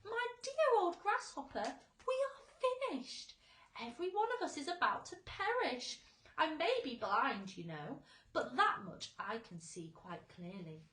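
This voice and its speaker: A woman's voice: high-pitched, sing-song, measured pace, fairly bright tone, roomy sound, pitched above the performer's own voice, exaggerated voice, rough recording. A woman voicing a gloomy, irritable blind male earthworm in a storybook, complaining and snapping emphatically. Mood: alarmed, despairing.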